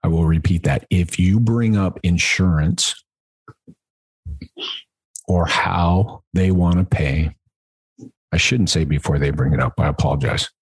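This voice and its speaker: A business coach hosts an instructional podcast in a conversational style, emphatically stressing and repeating key points and asking rhetorical check-in questions. His voice sits low with a breathy edge, unhurried and full of pauses. The recording is rough but has no room sound.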